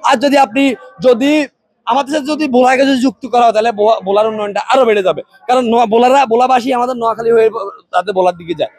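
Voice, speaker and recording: A man's voice: very high-pitched, racing, darkish tone, dry recording. A man from Noakhali speaking with a Noakhali Bengali accent in a street interview, arguing hard, repeating himself and checking that listeners follow. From Noakhali, Bangladesh.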